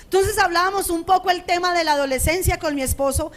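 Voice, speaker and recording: A middle-aged woman pastor preaching a sermon in a conversational way, often checking in with her listeners, with a strong, loud voice. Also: extremely high pitch, fast talker. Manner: conversational preaching, frequent rhetorical checks with the congregation. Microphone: radio studio microphone.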